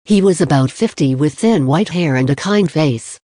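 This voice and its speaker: An audiobook narrator reads in a steady, plain storytelling manner. The tone is dark and warm. The sound is close and dry, with no room echo. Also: mid-range voice, moderate pace.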